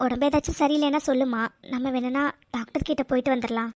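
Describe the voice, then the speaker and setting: Brief: woman as worried older aunt in a cartoon; fussy, high voice, dry close recording. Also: steady tone, fast talker, darkish tone, no echo, lightly acted. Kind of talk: cartoon voice acting.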